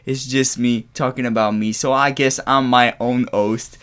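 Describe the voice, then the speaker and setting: His mid-range voice is clean and fairly bright, fairly even in intonation at a measured pace. A native French speaker from Quebec in his early twenties with a Québécois accent, he hosts an English podcast solo from his bedroom in a shared apartment, rambling unscripted with restarts and swearing.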